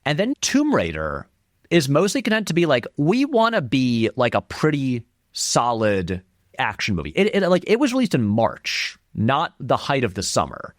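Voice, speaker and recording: A man who makes film video essays speaks casually as an interview guest, restarting sentences, leaning heavily on "like" and other fillers, and briefly acting out quotes with animation. His mid-range voice moves at a moderate pace, captured in clean studio sound without echo.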